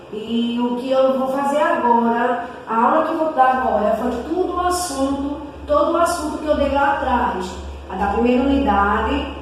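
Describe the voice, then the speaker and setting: A Brazilian woman teaching a recorded primary school lesson, slowly spelling out syllables and examples. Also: fairly high pitch, a little hiss or hum. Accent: Brazilian Portuguese. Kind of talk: recorded remote class lesson. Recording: echoey room, mic far off.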